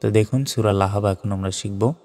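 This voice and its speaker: A man teaching Quran reading with a Bangladeshi Bengali accent, spelling out each letter slowly and then chanting the verse. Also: fairly low pitch, fairly even intonation. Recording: studio voice with long reverb and soft music.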